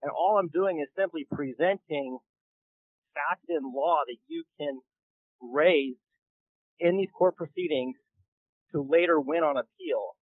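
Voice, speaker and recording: Caller role: man on a speakerphone line from his car, thin dry phone sound, slightly high voice, earnest explainer. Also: a little slow, pauses often, no echo, phone-quality sound. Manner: earnest, explanatory, checks in with "okay?" and "all right?". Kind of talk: call-in radio caller. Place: in a car while driving.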